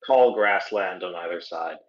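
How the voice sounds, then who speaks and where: A man's voice: low-pitched, a little slow. A man narrating as game master, hesitant and full of ums and restarts. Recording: dull lo-fi audio.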